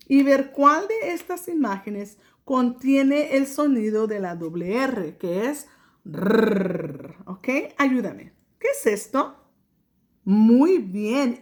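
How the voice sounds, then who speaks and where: Woman, kindergarten teacher, slow and patient, drawn-out sounds, slightly high voice. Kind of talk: remote lesson for young children.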